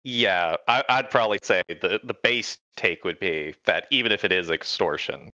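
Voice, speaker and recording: A man's voice: sits low, normal speed, sharp tone. Man on a clipped, breaking call line. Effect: clipped online call line that breaks up. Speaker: caller on a livestream. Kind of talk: casual debate chat. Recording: dull lo-fi call audio.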